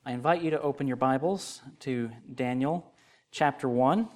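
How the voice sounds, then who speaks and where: A young adult man serving as associate pastor delivers a sermon and a prayer, earnest and measured at first and growing more emphatic. His voice is mid-range with a darkish tone.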